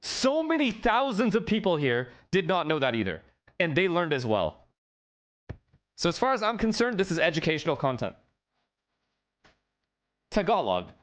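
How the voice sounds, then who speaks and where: A man hosting a live esports watch-along stream. His voice sits a little high and leaps around animatedly. He is excitable and profane, talking straight to his chat. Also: moderate pace.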